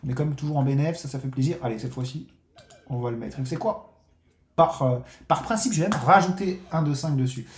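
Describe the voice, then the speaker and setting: This casino streamer has a fairly high voice and talks briskly in a roomy-sounding space. Excitable and swearing often, he comments on his bets during a live casino game and chats with his viewers as if they were friends.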